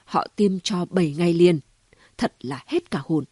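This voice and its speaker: A woman reading an audiobook voices a gossipy, sharp-tongued city woman who talks in quick exclamations and mockery. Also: on the low side, husky, dry recording, studio quality. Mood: dramatic. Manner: chatty, mocking, full of exclamations.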